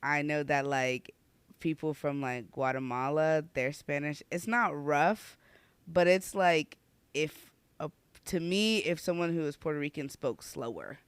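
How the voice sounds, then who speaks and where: A man on a casual podcast, rambling along with plenty of "like" fillers. His voice is smooth and clear, a touch higher than most, and the sound is dry and close. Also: a little slow, fairly bright tone, dry recording. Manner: rambling, many "like" fillers, laughs a lot. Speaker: podcast co-host. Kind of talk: casual chat.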